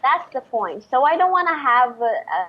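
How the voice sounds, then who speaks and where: Brazilian woman interviewee, Portuguese native, patient explainer, bit higher pitched. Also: big pitch swings, moderate pace, muffled recording. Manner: explanatory, gives examples. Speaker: interviewee, English teacher. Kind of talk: casual interview.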